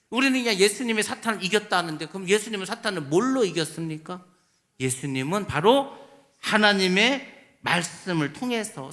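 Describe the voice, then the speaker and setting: A pastor preaching a sermon, emphatic, asking rhetorical questions and answering them himself, swinging between loud stress and quiet asides in a church sanctuary. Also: male voice, high-pitched.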